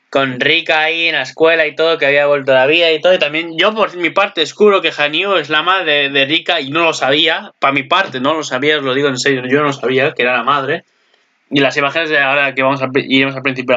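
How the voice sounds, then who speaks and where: Young guy rambling about anime, gets all worked up, dull lo-fi mic. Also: on the high side. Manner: excitable, rambling, jumps to loud exclamations. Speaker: anime commentator. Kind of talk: casual video commentary.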